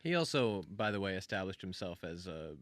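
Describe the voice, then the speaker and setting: A man's voice: low-pitched, expressive, fairly quick, a bit bright, no echo. Dry-sounding man riffing jokes on a podcast. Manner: spins playful hypotheticals, acts out little voices. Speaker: podcast co-host. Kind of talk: comedic casual chat.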